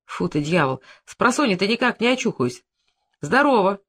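Brief: narrator as a blunt, sleepy village policeman, short plain lines, lively intonation, audiobook. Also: mid-range voice, moderate pace, husky. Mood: gruff. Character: rural police officer man, gruff and unhurried. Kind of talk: audiobook reading.

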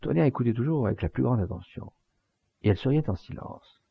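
A man reading an audiobook in a measured storytelling way, in a slightly muffled home recording. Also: mid-range voice, animated, creaky, husky, dry recording. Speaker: audiobook reader. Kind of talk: scripted audiobook narration.

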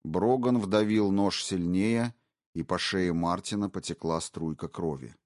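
A deep male voice narrates an audiobook slowly, with a lively, rising and falling delivery. The recording is dry and close. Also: no echo.

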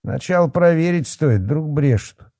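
A man's voice: a little high, expressive, unhurried, dry recording, clean studio sound, pitched above the performer's own voice. Man doing a blustering fat village cop. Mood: sneering. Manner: blustering, scornful, shouting. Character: fat pompous rural policeman, irritable bully.

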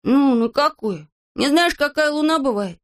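A woman voicing an excitable, boastful boyish little shorty in a storybook reading, eager and exclaiming. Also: sits high, moderate pace, pitched above the performer's own voice. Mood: excited. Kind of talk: storybook character voice.

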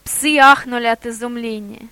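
A woman narrates a fairy-tale story in an expressive reading voice. Her voice is high and bright, recorded close and dry with no room sound. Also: moderate pace, smooth, no echo.

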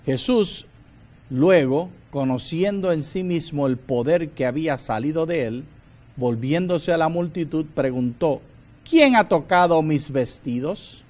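A man co-presents a Bible study, speaking in a fervent, devotional tone. He reads scripture aloud with conviction. His voice is a touch higher than most men's. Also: animated, a little slow, a little mellow.

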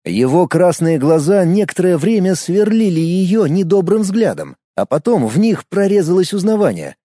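A man reading an audiobook with expressive storytelling. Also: high voice, moderate pace, no room sound, clean studio sound. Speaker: audiobook narrator. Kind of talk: scripted narration.

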